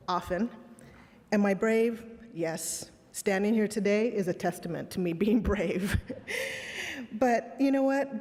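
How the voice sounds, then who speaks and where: Warm and medium in pitch, the voice belongs to a middle-aged woman giving a reflective, candid keynote in a conference hall, where long reverb echoes through the large space. Born in a Texas border town and raised in Los Angeles, she first spoke Spanish, and she weaves in personal stories and rhetorical questions.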